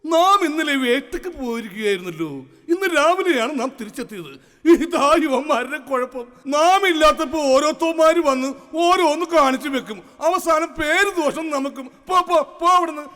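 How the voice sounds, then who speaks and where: A man's voice: extremely high pitch, big pitch swings, a little fast, fairly bright tone, big-room sound, full character voice. A man on stage playing a pompous, peevish king in a comedy skit, blustering and making puns. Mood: indignant. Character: pompous, silly, whiny male king.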